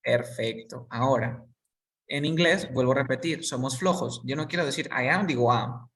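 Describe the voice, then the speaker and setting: An English teacher, giving a basic lesson and slowly drilling each word with students. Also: medium pitch, fairly bright tone, distant mic. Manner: slow and patient, repeats each word for students.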